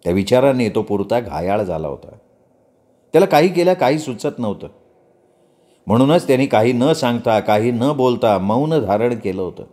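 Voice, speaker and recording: A man narrating a story in a measured, expressive reading style. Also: medium pitch.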